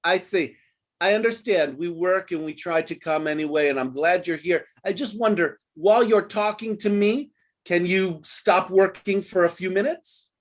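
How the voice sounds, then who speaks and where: A man's voice: sits high, normal speed. A man leading an online group English lesson over a video call, patient and coaching, repeating phrases for his learners. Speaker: English teacher.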